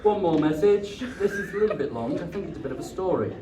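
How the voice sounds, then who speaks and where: Animated British man giving a wedding speech. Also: a little high, fast talker, crowd noise. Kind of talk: joking wedding speech, partly read aloud. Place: wedding reception before guests. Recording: echoey, distant, noisy event room recording.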